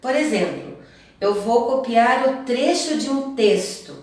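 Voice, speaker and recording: A woman teacher, explaining slowly and deliberately to children in a lesson. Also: fairly high pitch, animated. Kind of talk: classroom lesson. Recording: very echoey room, voice far from the mic.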